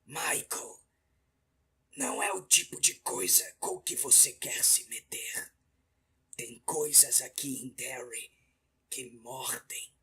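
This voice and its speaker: A frail, dying old man rasps out his warnings in a breathy whisper. The voice is slow and gravelly, with a bright, thin edge to it. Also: medium pitch, lively intonation, exaggerated voice. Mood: ominous. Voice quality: raspy whisper. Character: dying old man, hoarse from throat cancer, ominous. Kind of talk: audiobook character voice.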